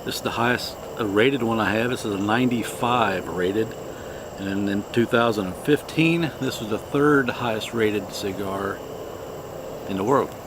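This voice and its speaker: Guy with a lowish voice doing a laid-back review, kinda halting, noisy background with crickets. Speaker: cigar review host. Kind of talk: casual product review chat.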